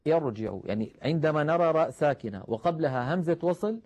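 A man teaching the rules of Quran recitation, explaining patiently, calling his listeners brothers and slowing down to recite example verses. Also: a little high, expressive, darkish tone. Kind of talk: tajweed lesson.

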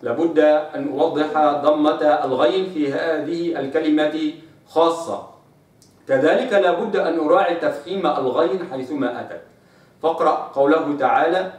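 A man with an Egyptian Arabic accent teaching Quran recitation rules, patiently explaining and drawing out the recited example words slowly. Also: mid-range voice. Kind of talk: tajweed lesson with recited examples. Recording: very echoey room, speaker far from mic.

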